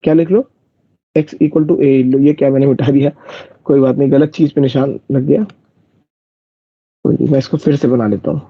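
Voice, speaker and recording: A male math teacher, his voice gravelly and husky. He talks students through each step and keeps checking that they follow, heard on a dry, dull lo-fi recording. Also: mid-range voice, steady tone, normal speed, long pauses, no room sound. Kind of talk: live online math class.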